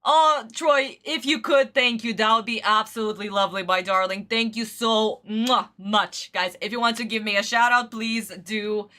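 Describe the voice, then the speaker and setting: A woman's voice: fairly high pitch, fairly even intonation, moderate pace, hardly any pauses, sharp tone. A woman doing casual livestream reaction chat, effusive and theatrical, full of endearments. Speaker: streamer reacting to anime.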